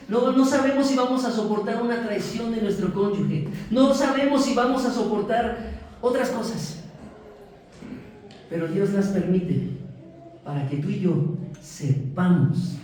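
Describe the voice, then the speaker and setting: Mexican male pastor, high voice, lively sermon, distant mic, faint hiss. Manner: lively, asks the congregation questions and jokes. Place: church sanctuary. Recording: very echoey church hall, from far off.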